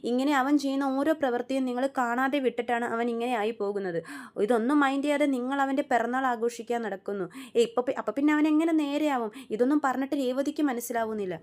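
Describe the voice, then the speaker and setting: A woman's voice: a little high, quick pace, darkish tone, natural voice. [name], a woman voicing a bitter young driver. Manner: bitter, rhetorical questioning. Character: angry young husband, a taxi driver, bitter and proud.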